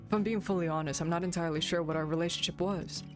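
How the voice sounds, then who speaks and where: A woman's voice: on the low side, steady tone, rapid-fire. A woman streamer reading a visual novel aloud and joking between passages. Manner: playful, giggly asides. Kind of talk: reading a game aloud and commenting. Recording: background game music.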